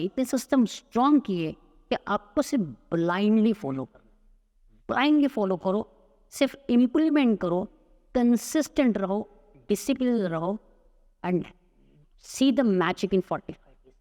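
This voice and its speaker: A man's voice: high voice, big pitch swings, unhurried, a little mellow. Emphatic man coaching, in a reverberant room. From Maharashtra, India. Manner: emphatic, mixes Hindi and English. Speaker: spoken English coach. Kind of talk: podcast interview answer.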